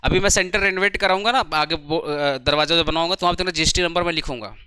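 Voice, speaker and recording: A man teaching a commerce tax class at a coaching centre, chatty and speaking slowly, often repeating his questions to the students. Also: on the high side, sharp tone, clean tone, no room sound. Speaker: commerce tutor. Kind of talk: classroom lecture.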